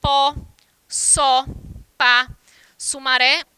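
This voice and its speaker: Bright high-voiced woman teaching grammar. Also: little pitch movement, extremely slow, slight background noise. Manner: explains step by step, addresses students as class. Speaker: Portuguese teacher. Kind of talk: online grammar lesson.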